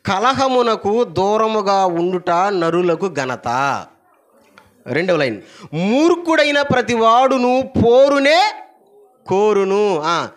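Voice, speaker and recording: High-voiced, animated male pastor preaching. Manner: animated preaching, prompts the congregation to repeat verses aloud; swings between loud emphatic lines and low asides. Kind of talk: sermon.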